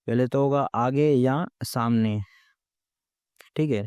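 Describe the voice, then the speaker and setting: A man with a smooth, medium-pitched voice teaches a vocabulary lesson, explaining word meanings one by one with steady, repeated phrasing. The recording is dry.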